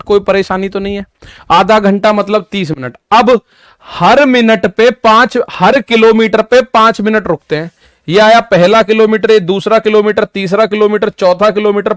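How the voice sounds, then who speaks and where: In an online exam-prep lesson, a male maths teacher takes his students through an exam problem step by step, repeating each key point. His voice is high and smooth, recorded close and dry with no room sound.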